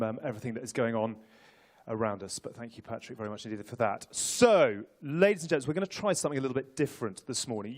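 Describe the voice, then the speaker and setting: A man hosting a live press conference, speaking informally and jokingly to the room with teasing, rallying banter. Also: mid-range voice.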